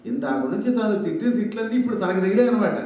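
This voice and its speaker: A man giving a religious discourse in a hall, telling a story with lively voiced dialogue. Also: high voice, racing. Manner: animated storyteller acting out characters' lines. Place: large hall with a microphone. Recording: echoey hall audio from a distance.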